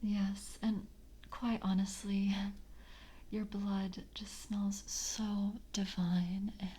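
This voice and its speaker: In an ASMR roleplay, a woman plays a composed, seductive member of a vampire coven, whispering softly and breathily in a slow, formal, intimate way. Her mid-range voice is delivered flatly with a confiding, formal mood, and there is slight background noise.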